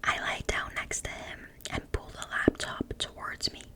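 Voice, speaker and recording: Reading aloud from a book, this native French speaker keeps to a steady, unvoiced ASMR whisper at a moderate pace. When she trips over words, she apologizes; she's an ASMR creator.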